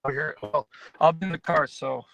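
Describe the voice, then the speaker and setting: A man's voice: a little high, moderate pace, gravelly, fairly bright tone, highs cut off. A man calling in to a video stream on his phone from a parked car, casually explaining Bible Greek terms. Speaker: guest on a livestream. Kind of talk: casual theological chat. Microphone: phone, not on a computer.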